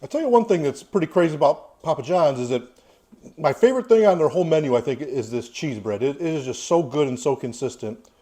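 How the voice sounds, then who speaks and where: A man's voice: on the high side, animated, fast, dark tone. A man in his forties giving a casual, plain-spoken food review with his child. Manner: easygoing, plain-spoken, opinionated.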